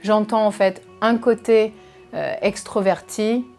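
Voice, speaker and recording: A musician from California with an American accent, answering interview questions in a hesitant way with many fillers, over faint music. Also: female voice, medium pitch, slow pace, dark tone. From California, USA. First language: English. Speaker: musician guest.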